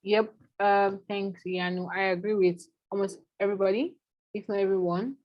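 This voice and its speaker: A woman's voice: mid-range voice, fairly even intonation, moderate pace, dull audio. A woman facilitating an online product management class, talking through ideas conversationally with frequent fillers.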